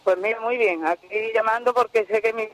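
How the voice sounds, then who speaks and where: A chatty woman with a high voice calls in to a radio show. She talks over a glitchy phone connection that keeps breaking up and dropping words. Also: a little fast. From Andalusia, Spain. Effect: glitchy phone line that keeps breaking up. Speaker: radio caller. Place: at work, on a weak phone signal.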